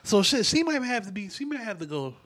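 A man's voice: sits high, sing-song, brisk, a bit bright. A man in casual podcast chat, slangy and blunt, who often chimes in to agree.

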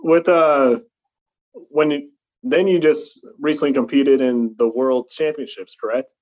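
A man's voice: mid-range voice, measured pace, a little mellow. A man interviewing an athlete, asking casual questions with many fillers and restarts.

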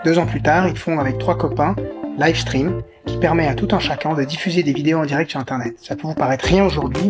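A man, hosting a podcast and reading a polished scripted introduction. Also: on the high side. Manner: brisk, polished read. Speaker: podcast host and business coach. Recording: voice over loud guitar music. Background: guitar music.

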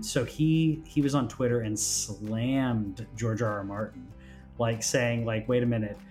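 On a gaming news show, a male podcast host chats casually and conversationally, rambling and often restarting his phrases. His voice is mid-range and a little mellow.

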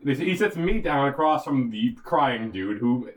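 A young man co-hosting a podcast, telling a story in a casual way, animated and often laughing as he talks. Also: mid-range voice, unhurried, recorded from a distance, low-quality recording. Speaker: podcast co-host.

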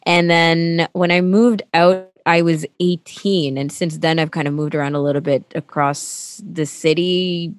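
Low-voiced chatty young woman. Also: fairly even intonation, a little slow, few pauses, no echo. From Canada. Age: 20s. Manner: chatty, friendly, laughs easily. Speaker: radio co-host, guest. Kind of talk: casual interview chat.

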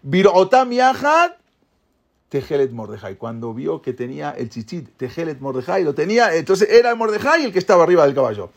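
A man retelling a holiday story as a religious teacher, in a lively way, acting out the quoted lines and scattering in Hebrew terms. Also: on the high side, fairly quick, gravelly. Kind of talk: animated storytelling lesson.

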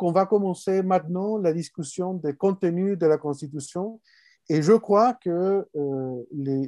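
Mellow-voiced man speaking haltingly. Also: on the high side, no echo, clean studio sound. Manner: halting, many fillers. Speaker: guest speaker. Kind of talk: academic talk.

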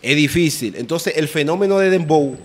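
A man talks as a podcast guest in a somewhat high voice. He explains things emphatically and at length. It is casual, unscripted conversation. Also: lively intonation, normal speed. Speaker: guest artist.

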